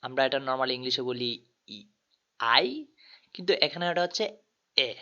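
A man's voice: medium pitch, moderate pace, bright, forceful tone. A man teaching a tutorial, patiently spelling out letters one by one. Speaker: language tutor. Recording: dull lo-fi recording.

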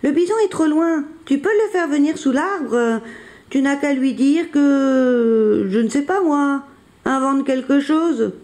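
Billy, a reader doing an eager little hamster. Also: unhurried. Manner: excited, high-pitched exclamations. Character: small eager boy hamster dreaming of being a cowboy. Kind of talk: storybook read-aloud.

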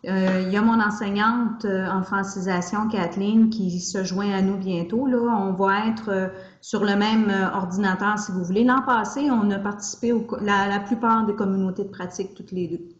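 Educational consultant, woman, halting with fillers, echoey dull call audio. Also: mid-range voice, steady tone. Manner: hesitant, many fillers. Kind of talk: self-introduction in a meeting. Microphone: video call. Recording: roomy lo-fi video call.

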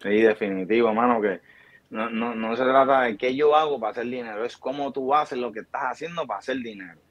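A man's voice: medium pitch, fairly quick, no room sound. A man in his thirties with a Puerto Rican accent, a barbershop founder giving an emphatic, preachy motivational talk as an interview guest over a video call. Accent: Puerto Rican Spanish. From Puerto Rico. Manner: emphatic, preachy, gestures with hands. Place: small indoor room. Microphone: video call webcam. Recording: dull lo-fi video call audio.

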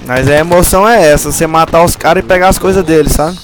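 A man's voice: on the high side, quick pace, slight background noise. A man chatting enthusiastically with friends while streaming a game. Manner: enthusiastic, chatty, says "cara" a lot. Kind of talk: casual gaming chat.

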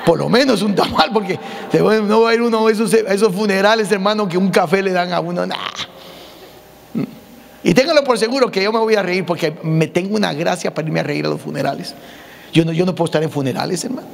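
Humorous preacher man with a gravelly high voice. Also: quick pace. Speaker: pastor. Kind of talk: sermon. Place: church sanctuary. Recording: long church hall reverb.

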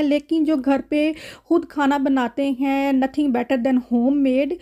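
A woman with a Pakistani accent, an adult mother and vlogger, narrates home cooking in a conversational recipe voice-over. Her voice sits high with a warm tone.

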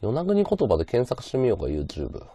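A man's voice: mid-range voice, huge pitch swings, a little fast, dark tone, husky. A man streaming live, chatting casually and answering his viewers' comments aloud. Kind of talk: casual livestream chat.

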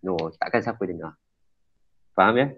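A man's voice: on the low side, moderate pace. A man giving an informal workshop lecture to school prefects, chatty and often checking whether his listeners understand. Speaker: emcee trainer for school prefects. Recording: slightly dull lo-fi recording.

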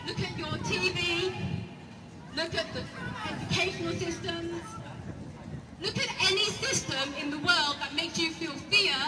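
Woman, rally speaker, impassioned and emphatic, very high voice, far-off echoey outdoor recording. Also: a little slow, pauses often. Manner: impassioned, emphatic, repeats phrases. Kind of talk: public protest speech. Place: outdoor square before a large stone building. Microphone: camera filming from the crowd, far from the speaker. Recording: distant, echoey, loud crowd and street noise. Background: crowd and passing vehicles.

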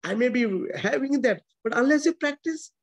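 With a very high voice, lively intonation, and a moderate pace, a priest in his forties preaches over video call from a small chapel. He has an Indian accent and is not a native English speaker, recorded by a close-up webcam. His preaching is emphatic, full of repetition and restarts, with gestures.

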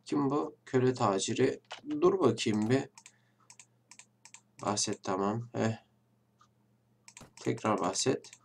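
A man's voice: medium pitch, slow pace, creaky, long pauses, slight background noise. A man hosting a casual let's-play, chatting to viewers at a desk mic and trading mock-tough banter, with a blocked nose. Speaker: gaming channel host. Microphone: desk microphone. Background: faint game music and keyboard clicks.

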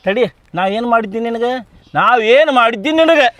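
A man's voice: extremely high pitch, expressive, fast, fairly bright tone, no echo. A man playing a whining, sulky neighbour. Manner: whining, aggrieved. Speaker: neighbour friend.

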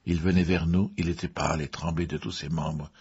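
A man reads a mystery story as an audiobook in a measured way, with the occasional filler. His voice is low, husky, and a little mellow, with a level tone, and the recording sounds dull and muffled.

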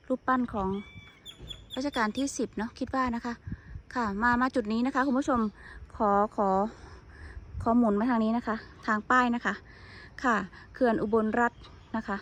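A woman's voice: a little high, creaky, a bit bright. Chatty woman vlogging on an outdoor walk. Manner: chatty, addresses viewers often, apologetic. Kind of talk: casual walking tour commentary. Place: outdoors at a dam on a hot sunny day.

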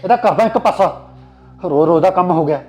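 Punjabi man for short-film drama, high quick voice, angry and commanding, music under. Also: animated, a little mellow. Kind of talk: melodramatic short-film acting.

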